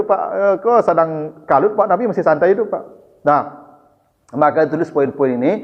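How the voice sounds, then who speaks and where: A man telling a religious story in a lively, chatty lecture, often turning to his audience. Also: on the high side. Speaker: preacher. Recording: reverberant hall, dull sound.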